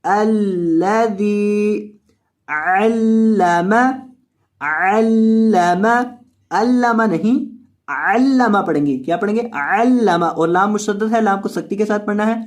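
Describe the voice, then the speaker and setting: Quran teacher chanting slowly, then explaining fast. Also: medium pitch. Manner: slow drawn-out chanted recitation alternating with quick spoken explanations; repeats each word and spells it out letter by letter. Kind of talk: tajweed lesson, word-by-word.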